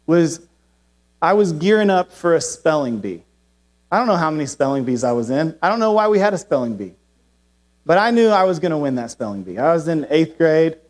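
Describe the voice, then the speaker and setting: Male pastor, higher-pitched, conversational sermon with self-deprecating humor. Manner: conversational, self-deprecating, uses playful asides. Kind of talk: sermon with personal storytelling.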